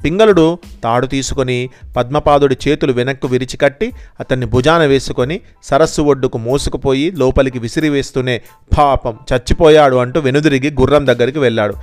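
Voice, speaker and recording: A man narrating a children's story in a steady, measured way, in a smooth, clear voice. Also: mid-range voice, no room sound, faint music behind.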